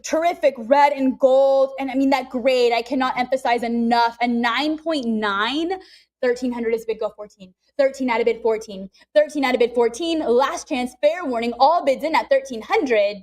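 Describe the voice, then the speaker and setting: A woman working as an auctioneer, briskly calling live bids in a repetitive chant, urging bidders on and adding chatty asides. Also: high voice, darkish tone.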